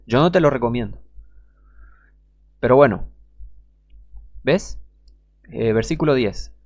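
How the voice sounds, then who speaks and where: A man's voice: mid-range voice, lively intonation, slow, darkish tone, highs cut off. A man with a Rioplatense Spanish accent preaching an informal sermon, emphatic and rhetorical, talking straight to the listener.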